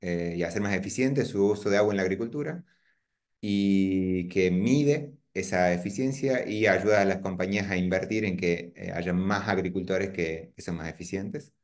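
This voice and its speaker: Low-voiced man hosting a webinar. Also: moderate pace, darkish tone. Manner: hesitant, many "eh" fillers and restarts. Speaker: host and company founder. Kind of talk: webinar introduction.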